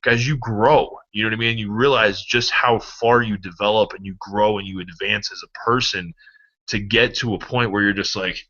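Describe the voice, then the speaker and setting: A man giving a casual motivational pep talk, rambling and animated, swearing freely. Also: on the low side, moderate pace. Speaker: motivational vlogger. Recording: dull lo-fi recording.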